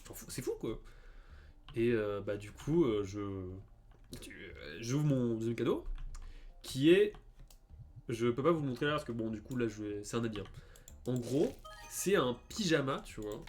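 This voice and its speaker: A medium-pitched young man streams a game at a moderate pace, pausing often. Over the gameplay he spins a casual, animated story, stammering frequently and using lots of fillers.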